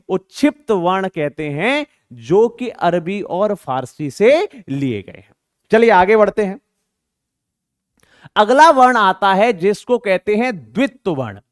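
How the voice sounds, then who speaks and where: A man's voice: high-pitched, clean tone, no echo, clean studio sound. A man teaching an exam-prep grammar lesson, asking rhetorical questions and repeating words to show pronunciation.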